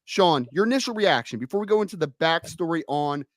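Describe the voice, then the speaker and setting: A man hosting a casual sports talk show, a bit hoarse from a cold and talking with emphatic energy. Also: on the high side, fast talker, dry recording, studio quality. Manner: energetic, emphatic, hypes the audience. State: hoarse, slightly under the weather. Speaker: podcast host.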